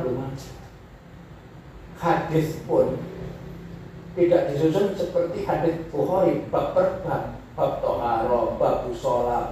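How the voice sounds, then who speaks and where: A man teaching Arabic grammar in a classroom lecture, slowly repeating Arabic phrases to show how the intonation rises and falls. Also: medium pitch, dark tone. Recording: echoey room, voice from far off, faint noise.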